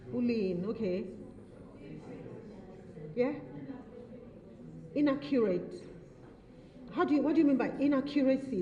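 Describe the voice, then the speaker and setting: A woman's voice: fairly high pitch, warm tone. A woman running an interactive workshop, repeating and affirming answers from the audience and teasing participants playfully. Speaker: workshop facilitator. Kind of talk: interactive training session. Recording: echoey hall, dull lo-fi sound.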